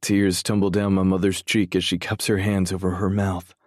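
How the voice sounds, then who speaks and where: Man, very low voice, brooding measured audiobook narration, dry close mic. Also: level tone, no room sound. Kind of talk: first-person romance narration.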